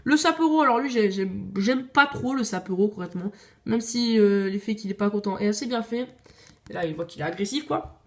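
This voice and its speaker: A woman's voice: medium pitch, expressive, brisk. A woman casually showing her card collection on video, chatty and opinionated, with frequent hesitations. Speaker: video creator.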